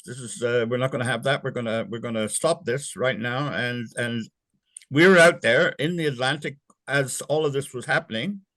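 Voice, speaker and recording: Reminiscing in an interview, this older man who served in the navy speaks in a mid-range, fairly bright voice without room sound. Born in England and raised in Canada, he talks haltingly and dryly, full of fillers and false starts.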